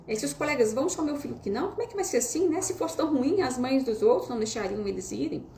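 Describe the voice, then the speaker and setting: A high, anxious mother with a Brazilian Portuguese accent, uncertain and defending her choice, as a teacher acts her out. Her pleading voice lifts well above an ordinary speaking pitch. The room adds a noticeable echo. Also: lively intonation, quick pace, vocal fry, warm tone, distant mic, slight background noise. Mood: defensive. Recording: roomy echo.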